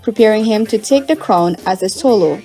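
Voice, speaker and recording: A woman's voice: medium pitch, expressive, a little fast, warm tone, soft background music. A woman reporter narrating a scripted news feature in a polished, dramatic delivery.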